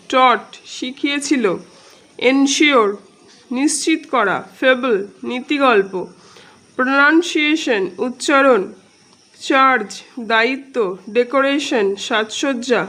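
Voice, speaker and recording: A woman teaches a class in a high, unhurried voice. She reads out words one at a time and follows each with its meaning, in a slow and steady classroom manner. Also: low-quality recording. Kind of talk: slow classroom-style lesson explanation.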